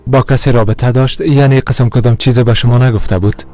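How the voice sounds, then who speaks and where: A man's voice: medium pitch, steady tone, lightly acted. A man dubbing an earnest young man who presses with questions. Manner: earnest, probing. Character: earnest young man asking about his mother. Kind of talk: dubbed TV drama. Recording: dubbed over music score.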